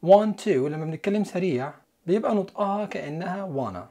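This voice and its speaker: A man with an Egyptian Arabic accent teaching an English listening lesson, explaining step by step and slowing down for the English example sentences. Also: sits high, lively intonation, mellow. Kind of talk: scripted lesson narration.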